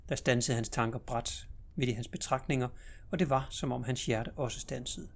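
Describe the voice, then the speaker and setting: A man narrating an audiobook story in a measured, dramatic storytelling manner. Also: mid-range voice, steady tone, vocal fry.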